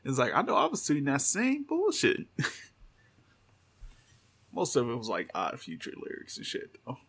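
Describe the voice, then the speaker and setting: A man chatting casually on a podcast, with a gravelly, fry-tinged voice that is husky and rough at the edges. He talks loosely and profanely. He reads quotes aloud at an easy conversational pitch. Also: huge pitch swings, normal speed, fairly bright tone. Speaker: podcast co-host. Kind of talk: casual chat.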